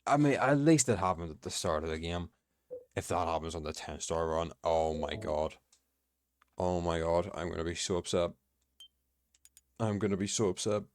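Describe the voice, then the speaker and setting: A man's voice: low-pitched, normal speed, long pauses, dry recording, clean studio sound. A man giving casual, sweary commentary on a video game he is playing, with a sardonic, exasperated way of talking. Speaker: gamer commentating own playthrough. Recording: game music behind the voice. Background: video game music and sound.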